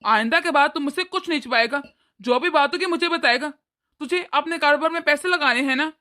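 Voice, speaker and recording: A woman voicing a wise older father-in-law in a cartoon, gently lecturing his wife. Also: high-pitched, brisk. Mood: fatherly. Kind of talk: cartoon voice acting.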